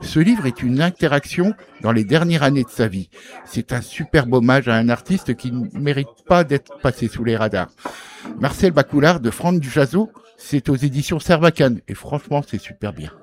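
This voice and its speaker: A man's voice: mid-range voice, expressive, normal speed. A man delivering a scripted book review as a radio reviewer. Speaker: comics reviewer on a radio show.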